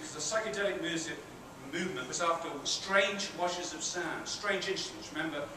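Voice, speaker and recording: A middle-aged university professor from Britain, with a high and bright voice, gives a chatty guest lecture to students in a large theatre hall with an audience, asking them questions and joking at his own expense. The recording is distant, very echoey and noisy, with a steady hiss behind him.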